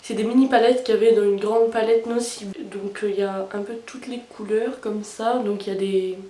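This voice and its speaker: A woman's voice: medium pitch, fairly even intonation, fairly quick, warm tone, far from the mic. A young woman talking through her makeup routine in a casual, hesitant way, with many fillers. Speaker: beauty vlogger. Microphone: camera mic at a distance. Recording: roomy sound, camera set back.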